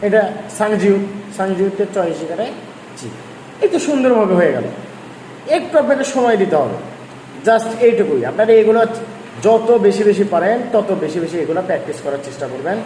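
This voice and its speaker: A man's voice: high voice, animated, a little fast, dark tone. A male language teacher explaining a lesson patiently, repeating points and urging his students to practice. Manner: repetitive, coaxing explainer. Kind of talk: online lesson. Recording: echoey room, faint noise.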